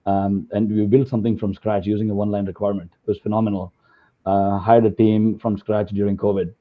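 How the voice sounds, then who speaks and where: A man's voice: fairly low pitch, little pitch movement, fairly quick. A man from India giving a conversational webinar talk over slides, with many fillers. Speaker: guest speaker. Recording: tinny phone-like call audio.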